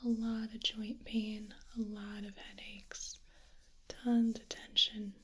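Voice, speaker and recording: A woman doing a whispered role-play as a medical examiner, with a soft, soothing, breathy, hushed delivery. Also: mid-range voice, flat delivery, slow pace, slight background noise. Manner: soft, soothing spa-like whisper with personal attention. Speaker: ASMR performer playing a medical examiner.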